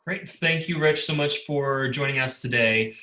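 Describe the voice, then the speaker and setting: A man interviews a guest for his theater in a halting, filler-heavy way. His tone is bright and forceful, and the room rings with echo. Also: mid-range voice, a little hiss or hum. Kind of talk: casual interview.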